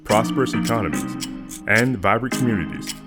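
A man's voice: lowish voice, lively intonation, a little fast. A man reading a scripted podcast introduction as an announcer. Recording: loud guitar music behind. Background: guitar music.

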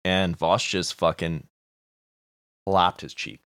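A man's voice: sits low, flat delivery, slow, fairly bright tone, clear, resonant tone, no echo, clean studio sound. A man co-hosting a podcast, talking in a crude, joking, casual way. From Canada. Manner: crude, joking, mocking impressions. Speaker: podcast co-host. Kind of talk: casual chat.

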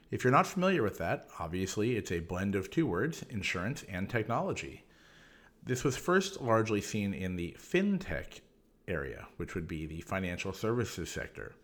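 Lower-voiced man hosting an explainer podcast. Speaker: podcast host. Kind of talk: solo explanatory podcast monologue.

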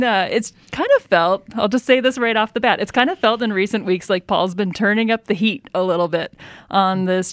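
A woman's voice: mid-range voice, dry recording, clean studio sound. A woman hosting a conversational Bible study podcast and teaching as she goes.

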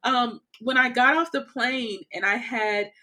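A California woman appears as a podcast interview guest, telling travel stories in casual conversation. She's animated, quick to laugh, and fond of "like" and "you know," with a fairly high-pitched voice.

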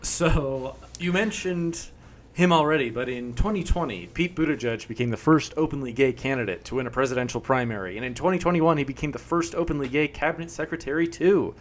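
A man hosting a casual chat podcast, introducing segments and asking questions in an upbeat, brisk way. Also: medium pitch. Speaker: podcast host.

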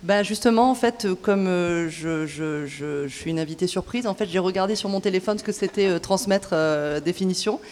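A woman from southern France, a stage director and author, gives a live festival interview in an outdoor cloister, hesitating often with many fillers and restarts. The live broadcast echoes around the cloister. Her voice is on the low side and darkish, moving at normal speed with few pauses.

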